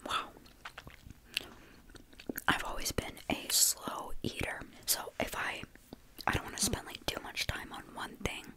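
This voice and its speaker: A young woman whispering softly in a chatty ASMR snack-tasting video, with eating sounds between her words. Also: a little slow, long pauses. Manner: chatty, says like and you know often.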